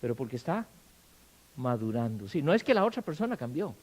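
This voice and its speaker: A man preaching a sermon in a church, firing questions at the congregation and acting out quarrels in loud bursts. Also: medium pitch, big pitch swings, a little fast, rough recording. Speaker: pastor. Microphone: handheld or stand mic.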